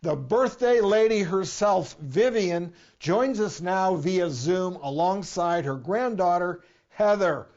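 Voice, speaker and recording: High-voiced male talk show host. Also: expressive, takes it slowly, hardly any pauses, a little mellow, dull audio, soft background music. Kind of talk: presenting and interviewing on a TV talk show.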